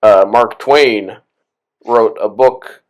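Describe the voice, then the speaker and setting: A man's voice: fairly low pitch, drawn-out words. Laid-back man rambling through movie commentary. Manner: rambling, laughing, filler-heavy. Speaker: podcast co-host.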